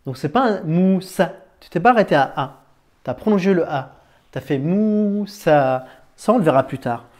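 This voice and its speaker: A man teaching a beginner to read Arabic letters, patient and informal, often checking understanding and slowly sounding out syllables. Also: a little high, very animated, darkish tone. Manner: patient, informal, talks to one learner as "tu", checks understanding with "d'accord?"; slows down and stretches words to sound them out. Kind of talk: Arabic reading lesson.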